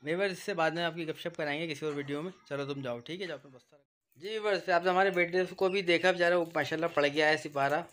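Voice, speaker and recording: A man's voice: a little high, steady tone, fast talker, a bit bright. A man from Karachi with a Karachi Urdu accent, hosting a casual family vlog at home, joking and teasing as he talks to viewers on a phone. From Karachi, Pakistan. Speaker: vlog host. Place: home during a power cut. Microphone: phone, no external mic.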